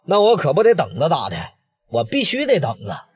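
A menacing Northeastern Mandarin gangster, as a male storyteller puts him on. He talks blunt and low through a husky throat, shifting his pitch around as he spells out his demands. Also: wildly swooping pitch, brisk, exaggerated voice. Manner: blunt, threatening, extorting.

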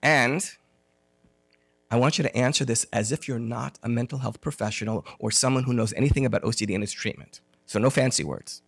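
Gravelly-voiced man telling a lecture story. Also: mid-range voice, fairly quick, no echo. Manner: animated storyteller, acts out dialogue, self-deprecating humor. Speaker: conference speaker on OCD therapy. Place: conference room.

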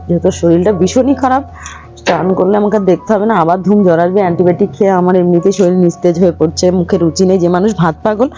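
A hoarse, feverish middle-aged woman chatting casually to her viewers in a home vlog and telling a story. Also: lowish voice, warm tone, highs cut off. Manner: chatty, addresses viewers as friends, coos at pets. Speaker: vlogger.

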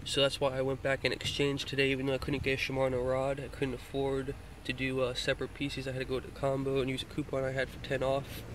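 A young man from Florida shows off his fishing gear in a quick, bright-tinged, mid-range voice that's completely flat, leaving few pauses as he rambles with hesitant fillers. He films on a handheld phone pointed down at the gear inside a car, and the recording is noisy.

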